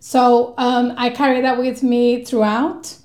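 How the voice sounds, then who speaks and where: A woman from Colombia with Spanish as her first language, speaking as a guest researcher in a podcast interview, measured and thoughtful with frequent pauses. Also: fairly high pitch, flat delivery, darkish tone, reverberant.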